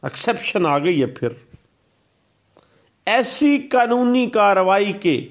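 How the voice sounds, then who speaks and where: A man with a slightly high voice gives a law lecture, explaining a statute slowly and deliberately. He repeats key points and mixes in English legal terms.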